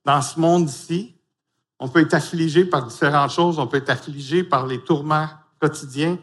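A man's voice: on the high side, normal speed. A man with a Québécois French accent, a pastor giving a sermon and talking playfully and informally to the children. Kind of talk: sermon with a children's sing-along.

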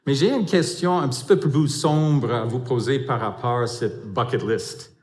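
Man, English accent, halting sermon, church echo, mid pitch. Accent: English-speaking, in French. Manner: halting, many fillers and restarts. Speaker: pastoral council member.

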